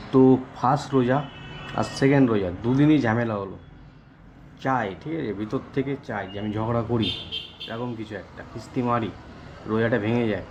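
Rambling rider vlogging. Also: male voice, medium pitch, a little hiss or hum. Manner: rambling, keeps saying "okay" as a filler. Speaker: food delivery rider vlogger. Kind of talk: casual vlog talk to camera.

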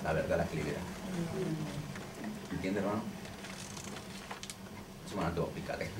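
Low-pitched and fairly quick, this man's voice comes from a deliverance minister teaching a small group in a relaxed way. He repeats points and asks "ok?" or "understand?", recorded from afar in an echoey, noisy space.

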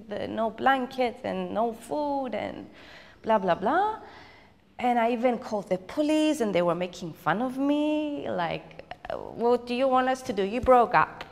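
Gravelly-voiced woman recounting, hesitant. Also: medium pitch, darkish tone. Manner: reflective, hesitant, with frequent restarts. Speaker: documentary interviewee. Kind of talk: personal storytelling interview. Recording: long hall reverb.

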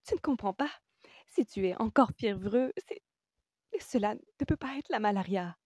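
A woman's voice: medium pitch, lively intonation, moderate pace, warm tone, slightly rough, no echo, studio quality, pitched above the performer's own voice. A woman voicing an impulsive, emotional young woman who talks in breathless, broken-off phrases, in an audiobook. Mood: excited. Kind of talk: audiobook character voice.

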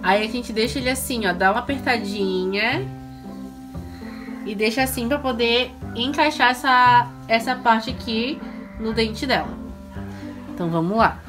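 A woman's voice: fairly high pitch, normal speed. A woman in her thirties, a mother filming her daughter at home from behind the camera, chatty and instructive as she coaxes the child and talks to viewers. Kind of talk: casual family vlog talk to viewers. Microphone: camera mic, speaking from behind the camera. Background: background music.

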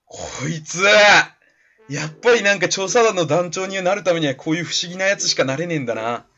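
A man's voice: on the high side, expressive, a little fast, a bit bright. A man giving chatty, laughing commentary while playing a video game. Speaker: let's play commentator. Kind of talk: casual gameplay commentary. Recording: slightly dull lo-fi recording with faint game music.

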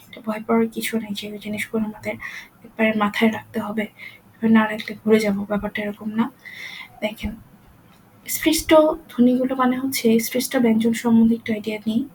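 A woman's voice: a little high, darkish tone, slight background noise, poor audio. A woman giving a grammar lesson, explaining steadily with fillers and sounding out each example. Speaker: teacher.

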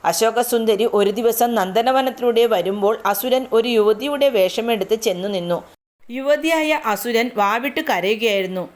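A woman narrates old myths in scripted, literary sentences. She keeps a measured pace. Her voice sits fairly high. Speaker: storyteller. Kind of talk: scripted narration of mythic tales.

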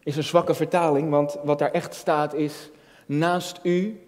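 A junior pastor in his early thirties delivers a personal, reflective sermon from a lectern on an indoor church stage, filmed from a distance with long hall reverb. His voice is a little high, level, unhurried and a little mellow. He's earnest, repeating phrases for emphasis and posing rhetorical questions.

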